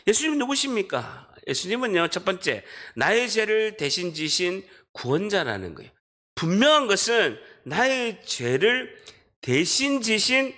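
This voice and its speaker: Busan-accent guy preaching, bright forceful voice, swings up and down a lot, tells folks to underline stuff. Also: sits high. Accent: Busan dialect. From Busan, South Korea. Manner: emphatic preaching, directing the congregation to read and underline. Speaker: pastor. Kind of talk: sermon. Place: church sanctuary.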